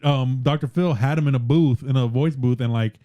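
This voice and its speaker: Young male podcast co-host. Animated, profane storyteller who acts out quotes. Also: medium pitch, a little fast, dull audio. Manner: animated storyteller, swears often, jumps into quoted voices. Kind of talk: casual podcast chat.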